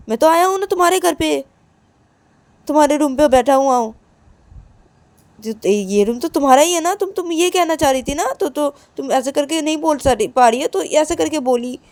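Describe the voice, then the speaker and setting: A woman's voice: high voice, moderate pace, a little mellow, dry recording. A woman voicing Shruti, a touchy young wife. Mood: accusing. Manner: accusing, stammers and repeats herself. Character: touchy young wife, quick to take offence. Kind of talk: storytelling with acted dialogue.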